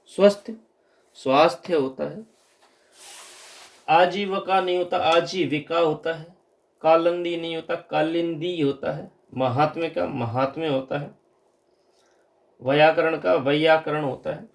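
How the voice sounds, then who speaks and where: A man's voice: fairly high pitch, fairly even intonation, unhurried, gravelly, pauses often. A man giving an exam-prep grammar lesson, patiently repeating wrong and correct word forms. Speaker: teacher.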